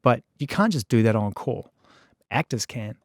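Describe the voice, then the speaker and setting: A middle-aged man hosting an interview, talking fast and emphatically, repeating himself for stress. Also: mid-range voice, sing-song, no room sound, studio quality. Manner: fast, enthusiastic, emphatic and repetitive. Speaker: interviewer, host. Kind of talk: casual conversational interview.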